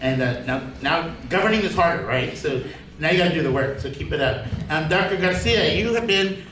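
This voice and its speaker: A man moderates a community panel in a relaxed, rambling way with plenty of fillers. His voice sits a bit high and comes from a distance, with a clear echo from the hall and clear noise behind him. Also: brisk. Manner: loose, chatty, lots of fillers. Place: large community center hall. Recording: echoey hall from far off.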